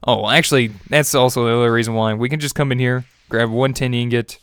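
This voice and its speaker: A young man talks fast in a mid-range, fairly bright and clean voice with fairly even intonation and a stuffy, congested sound, with no echo. Narrating his gameplay as a let's-play host, he's chatty and upbeat, with fillers and small laughs, and faint music in the background.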